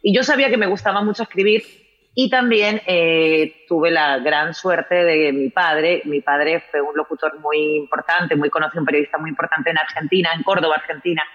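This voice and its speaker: A woman from Spain with a Spanish accent, a writer and journalist chatting as a guest in an interview, animated and telling stories with frequent tag questions. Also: low voice, moderate pace, lo-fi sound. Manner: warm, animated storyteller with frequent "¿no?". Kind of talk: casual interview chat.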